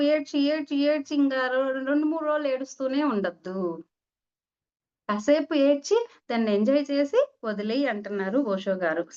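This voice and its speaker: A woman's voice: sits high, darkish tone. A woman meditation teacher giving a conversational spiritual talk, acting out little dialogues as she teaches. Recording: dull lo-fi recording.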